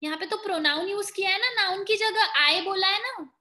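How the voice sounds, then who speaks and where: A woman's voice: very high-pitched, fairly quick, sharp tone, reverberant. A woman with an Indian accent teaching grammar in an online exam-prep lesson, explaining step by step and quizzing her students. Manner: explains in mixed Hindi and English, quizzing students.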